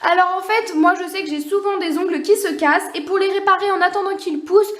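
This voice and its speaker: A young woman giving a casual, unscripted nail art tutorial, talking quickly with many fillers and apologies. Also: very high-pitched, fairly even intonation, a bit bright. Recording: echoey room.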